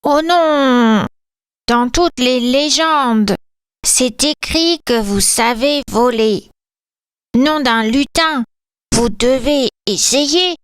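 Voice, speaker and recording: A woman's voice: high-pitched, drawn-out words, clean tone, dry recording. A woman voicing a cheerful, kind Christmas fairy in a storybook tale, speaking in an encouraging, sing-song way.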